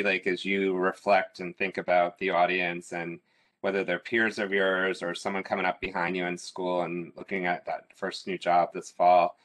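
A man hosting an interview, asking encouraging, measured questions. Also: deep voice, a bit bright. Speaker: interviewer host.

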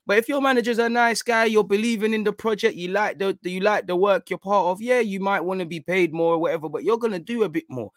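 A man's voice: high-pitched, fast talker, few pauses, no room sound, clean studio sound. A man with an urban London roadman accent and slangy delivery, chatting casually about football to his audience. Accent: London, urban street slang. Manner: slangy roadman-style talk, addressing listeners as bro and man. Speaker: football fan content creator.

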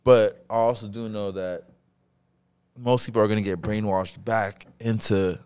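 A man's voice: fairly low pitch, steady tone, unhurried, a little mellow, clean tone. A young man co-hosting a casual late-night podcast, talking loosely with lots of profane slang and jokes.

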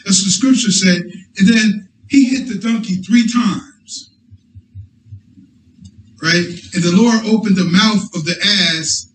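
A man's voice: high voice, slow, fairly bright tone. A man preaching a sermon to his congregation, often asking for an amen and restarting his phrases. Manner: call-and-response, restarts often. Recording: echoey hall, distant mic.

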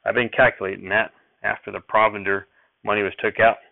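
A man voicing an excitable old rural grandfather who speaks in folksy dialect, with a raised, quick old-timer twang over a thin, dry phone-like sound. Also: fairly low pitch, gravelly, dry recording. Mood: reflective.

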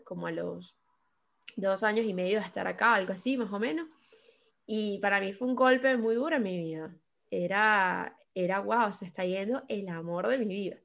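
Candid Venezuelan woman telling her story. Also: medium pitch. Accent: Venezuelan Spanish. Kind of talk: personal life story told to listeners.

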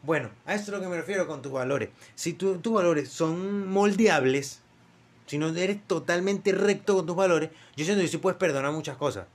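A young man with a Venezuelan accent, co-hosting a casual podcast chat, slangy and quick to laugh. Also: on the high side. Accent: Venezuelan Spanish. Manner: slangy, laughs often, repeats himself. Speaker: podcast co-host.

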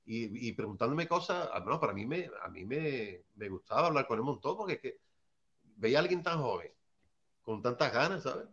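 A man's voice: medium pitch, expressive, moderate pace, fairly bright tone, highs cut off. A man from Seville, telling hip hop anecdotes in a rambling, casual way and often asking "¿sabes?". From Seville, Spain. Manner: rambling, tags lines with "¿sabes?". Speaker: early hip hop artist.

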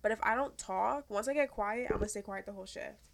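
A young adult woman co-hosting a casual podcast, talking fast and loose, rambling and swearing freely. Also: mid-range voice, creaky. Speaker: podcast co-host.

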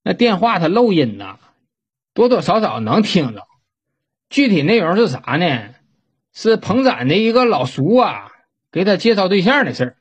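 Husky man. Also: sits high, sing-song, moderate pace. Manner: folksy, swears casually. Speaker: storyteller. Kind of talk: casual storytelling.

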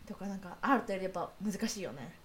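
A woman co-hosting a podcast in casual chat, chatty and quick to laugh. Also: mid-range voice, animated. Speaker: podcast co-host.

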